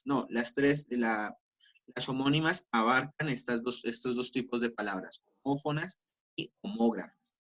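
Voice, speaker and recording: A man with a Colombian Spanish accent teaches an online class over a video call. His voice is bright and forward, and he explains patiently. He slows down to spell out each example. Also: medium pitch, low-quality recording.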